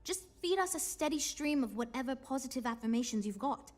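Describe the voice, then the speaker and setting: An actress voicing a weary but earnest starship designer in a video game, speaking in a dry, wry, patient way. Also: female voice, high voice, animated, brisk, darkish tone. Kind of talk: video game character dialogue.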